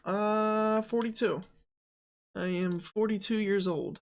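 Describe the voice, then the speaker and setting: During a casual live dev stream, a game developer in their twenties thinks aloud, joking and rambling with lots of ums and asides. Their gravelly, fry-heavy voice sits at a middle pitch with a steady tone and a slow pace.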